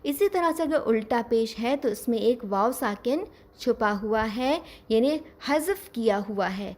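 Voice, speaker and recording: A woman teaching Quran recitation, explaining patiently step by step and slowing down to model each sound. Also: on the high side, lively intonation, darkish tone. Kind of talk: scripted lesson.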